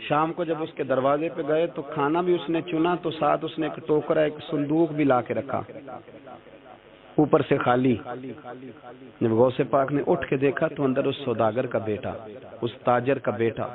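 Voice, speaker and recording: A male preacher telling a story in a sermon, in short, pleading, emotional phrases. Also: mid-range voice. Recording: tinny phone-like sound with audible crowd.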